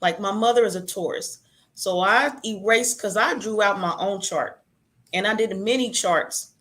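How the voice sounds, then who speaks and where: A woman chatting casually, telling personal stories with a warm, conversational flow. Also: mid-range voice, moderate pace. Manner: chatty, storytelling.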